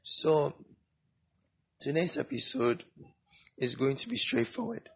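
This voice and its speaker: A man's voice: on the high side, sing-song, vocal fry, slightly rough. Man with a swollen, sore-throat voice, lo-fi. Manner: halting, apologetic, repeats words. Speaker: podcast host. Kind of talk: informal religious teaching podcast. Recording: dull lo-fi audio, music behind. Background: background music.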